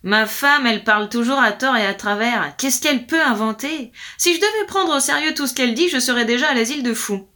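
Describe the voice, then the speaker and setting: A woman's voice: on the high side, lively intonation, fairly quick, hardly any pauses, pushed and bright, pitched above the performer's own voice. A woman doing a sly peasant husband. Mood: sly, protesting. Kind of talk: storybook reading.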